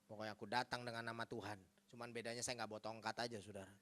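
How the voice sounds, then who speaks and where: A male pastor preaching a sermon, telling stories and acting out dialogue, swinging from hushed to loud. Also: on the low side, little pitch movement, rapid-fire.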